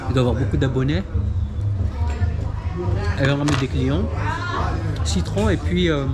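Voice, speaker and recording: A man's voice: medium pitch, moderate pace. Casual man vlogging over food, music behind. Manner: eating while talking, savoring murmurs; playfully exaggerated, self-mocking. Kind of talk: casual mukbang chat to camera. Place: street food eatery in Vietnam.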